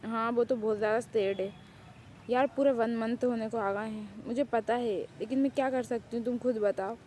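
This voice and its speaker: An anxious young woman doctor played by a woman stammers and pleads in a fan drama. Her voice is slightly high and warm, with a faint background hum. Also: steady tone, natural voice. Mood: worried. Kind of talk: amateur Urdu fan drama.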